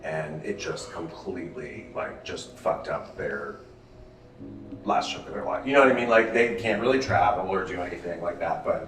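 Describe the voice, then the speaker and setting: A man's voice: low-pitched, lively intonation, moderate pace. A man telling personal stories casually, candid and informal in his manner. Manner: candid, informal, swears freely. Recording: roomy echo, distant mic, faint music.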